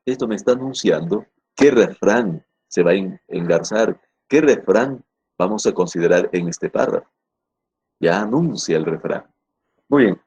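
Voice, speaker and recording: A man's voice: lowish voice, mellow, slightly rough. A middle-aged man teaching a recorded grammar lesson, repeating and rephrasing his points and checking often that his students follow. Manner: deliberate, stresses key words.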